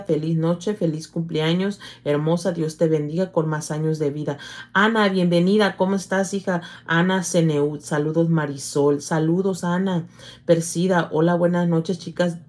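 A middle-aged woman, hosting a casual livestream, reading viewer comments aloud and calling her viewers "hija" in an affectionate, halting manner. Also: on the low side, a little mellow. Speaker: livestream host.

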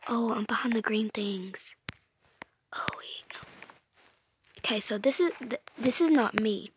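A woman chats through her game in a fairly high voice, often sinking to a tense, hushed whisper. She fills pauses with loose, chatty fillers. A steady hiss and clicks sit behind her. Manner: drops to an anxious whisper while hiding, chatty with many fillers. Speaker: gameplay video host. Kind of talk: casual game commentary.

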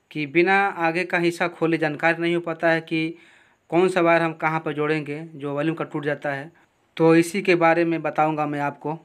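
A man teaching electronics repair, explaining each wiring step slowly and with a lot of repetition at his workbench. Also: on the high side, clear, resonant tone. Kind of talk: hands-on repair tutorial.

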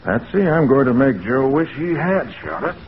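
An actor playing a quick-witted, assured American private detective in an old-time radio drama, brisk and cool under threat. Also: male voice, mid-range voice, big pitch swings, close to an everyday voice. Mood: determined. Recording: muffled, hissy old radio recording.

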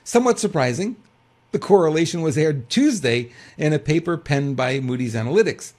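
Animated older man, lively rising voice. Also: a little high, fairly quick. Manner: animated, rhetorical questions, many restarts. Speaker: co-host of a political news talk show. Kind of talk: casual commentary and reading news aloud.

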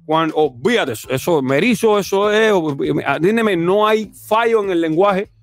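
A Cuban man with a Cuban accent hosts a casual commentary livestream, animated and talkative at a moderate pace. He alternates between loud exclamations and low mutters, with soft music in the background and no echo.

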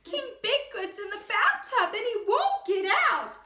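A woman voicing a panicky young page boy in a picture book read-aloud, with shrill wailing cries. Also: very animated, unhurried, bright, forceful tone, full character voice. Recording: echoey room, mic a bit far.

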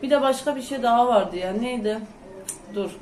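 A woman chatting loudly and rambling to her viewers in a casual home vlog. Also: a little high, normal speed. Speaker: vlogger. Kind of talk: casual chat to camera. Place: home, indoors. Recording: echoey room.

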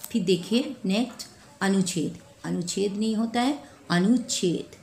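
A woman teaching a spelling lesson to children, repeating each word slowly and correcting mistakes one by one. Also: mid-range voice, vocal fry, darkish tone. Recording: echoey room with faint ambient noise.

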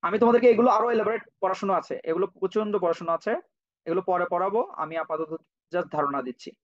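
A man's voice: sits high, very fast. A man teaching English grammar to children in an online class, patiently repeating, spelling words out and checking on students by name. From Bangladesh. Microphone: cheap computer microphone. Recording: dull lo-fi online-class audio.

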